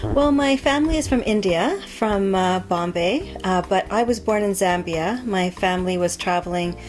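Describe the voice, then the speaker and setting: A middle-aged Canadian woman, interviewed as an author guest, answers thoughtfully with frequent ums and restarts. Her voice is mid-range and her pace moderate.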